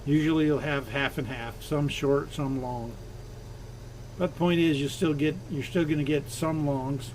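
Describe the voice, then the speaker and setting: A man's voice: fairly high pitch, steady tone, a little slow, darkish tone, slight background noise. A man hosting a live stream from his home fish room, casually explaining his fish while he works on the tanks.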